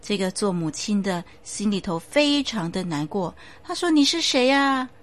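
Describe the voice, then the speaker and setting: Brief: a woman preacher telling a sermon story, steady and emphatic, with occasional fillers. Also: mid-range voice, normal speed.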